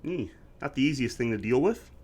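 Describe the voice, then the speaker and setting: A man co-hosts a casual podcast, chatting at length in a congested, slightly scratchy voice with a breathy edge. He's relaxed and talkative, reviewing things with facts he has prepared. His pitch is medium and he talks a little fast.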